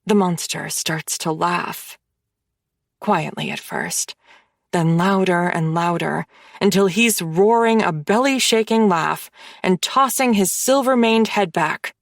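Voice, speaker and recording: Slow-reading woman narrator. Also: fairly low pitch, gravelly, no room sound, studio quality. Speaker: audiobook narrator. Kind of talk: scripted first-person romance narration.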